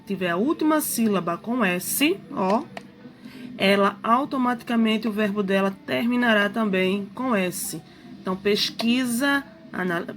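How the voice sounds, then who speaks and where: Slow, patient woman teacher. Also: medium pitch, fairly bright tone. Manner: patient, repetitive explaining, checks understanding with "tá?". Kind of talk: recorded grammar lesson.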